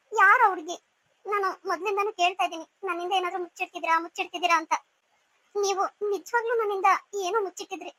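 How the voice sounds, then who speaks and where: A woman's voice: very high-pitched, sharp tone, no echo. A woman voicing a devoted young wife in a cartoon serial, speaking in an earnest, pleading way.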